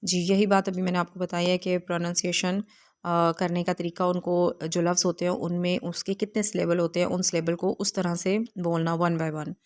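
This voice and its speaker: A woman teaching an English textbook lesson in a video, reading the English lines slowly and carefully and explaining them with hesitant fillers. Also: on the low side, level tone, darkish tone.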